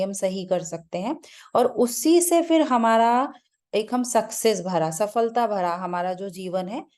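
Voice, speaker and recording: A woman's voice: mid-range voice, dark tone. A woman speaking as a meditation teacher in a spiritual talk, searching for her words with many restarts and mixing in English terms. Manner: loose, searching, with frequent restarts and fillers.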